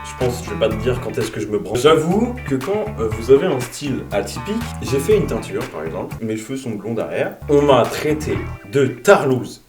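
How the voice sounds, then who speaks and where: A young man in his twenties answers viewer questions in a loose, crude, self-mocking way, now and then bursting into mock-angry yells. His mid-pitched voice sits back from the mic in a roomy space. Music plays behind him. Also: sing-song, normal speed, hardly any pauses, recorded from a distance. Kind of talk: casual Q&A vlog. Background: background music.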